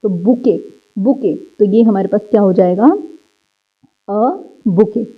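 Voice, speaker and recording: A woman teaching young children a worksheet lesson, going slowly, repeating words and answering her own questions. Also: medium pitch, clean tone. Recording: slightly dull, lo-fi audio.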